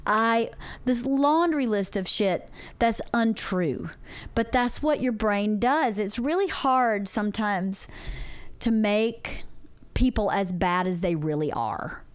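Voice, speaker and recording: A woman's voice: mid-range voice, takes it slowly, smooth, no echo. A woman in her forties on a podcast, talking earnestly and openly about a hard personal experience. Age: 40s. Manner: earnest, open and reflective. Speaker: podcast co-host. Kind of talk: candid personal conversation.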